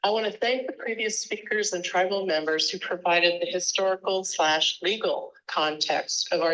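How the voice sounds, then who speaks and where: Low-voiced woman over a speakerphone. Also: pushed and bright, poor audio. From Alaska, Upper Cook Inlet. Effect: heard over a cell phone on speakerphone through room microphones. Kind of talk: formal public testimony, read statement.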